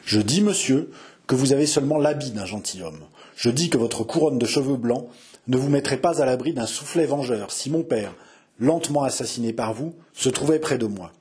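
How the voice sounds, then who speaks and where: A man's voice: medium pitch, moderate pace, darkish tone, natural voice. A man voicing a young noble wife, dignified and grieving, speaking in a solemn, proud, earnest tone in an audiobook reading.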